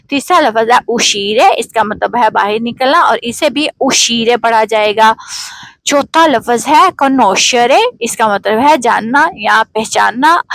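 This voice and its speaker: Slow, careful woman teaching pronunciation. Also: a little high, a bit bright, dry recording, rough recording. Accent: Pakistani Urdu. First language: Urdu. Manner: slow and careful, models words for learners to repeat. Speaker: language teacher.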